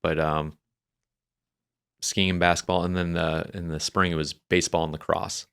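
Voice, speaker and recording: A young man, formerly in the Navy and from New Hampshire, tells his life story on a podcast in a low-pitched, level, gravelly voice with a fairly bright tone at a moderate pace. He rambles, restarts, and uses many fillers in casual interview storytelling, and there's a little hiss or hum.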